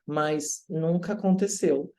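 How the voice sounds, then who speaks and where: A man from Brazil, an English teacher telling stories in a casual interview, lively and acting out the voices of people he quotes. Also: a little high, slow pace. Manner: animated, acts out quoted voices.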